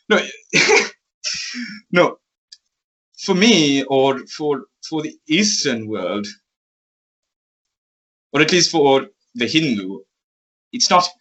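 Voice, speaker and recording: A man's voice: a little high, a bit bright, rough recording. A man as an interview guest, articulate and thoughtful, often breaking into laughter. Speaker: interview guest, magazine editor. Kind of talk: casual interview conversation.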